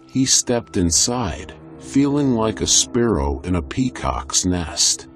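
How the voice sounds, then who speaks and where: Slow, low-voiced male story narrator. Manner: measured and descriptive. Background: faint background music.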